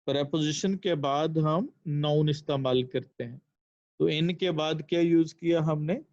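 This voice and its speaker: A male English teacher giving a lesson in Urdu, speaking deliberately and repeating each translation, on a dull lo-fi recording. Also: on the high side, a little mellow, no room sound. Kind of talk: language lesson explaining English sentences in Urdu.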